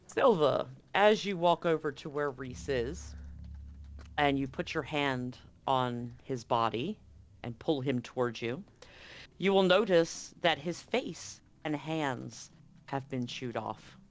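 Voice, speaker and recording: A game master narrates a tabletop horror game in a medium-pitched voice, building drama and suspense with deliberate pauses.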